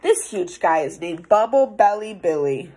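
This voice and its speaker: With a medium-pitched voice and slight background noise behind her, a young adult woman gives an animated read-aloud of a children's picture book. Like a teacher, she's theatrical, playful and expressive, lengthening words for effect and adding hushed asides, all in a small indoor office room.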